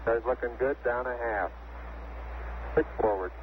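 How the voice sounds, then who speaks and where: A man's voice: medium pitch, measured pace. A spacecraft crew member, a man, making terse numeric callouts over a crackly space radio transmission with beeps. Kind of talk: radio communications. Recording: tinny, noisy archival radio link.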